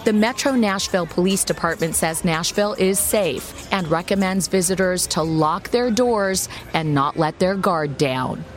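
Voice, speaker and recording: A woman's voice: lowish voice, moderate pace, hardly any pauses, soft background music. A woman reporter narrating a scripted television news package.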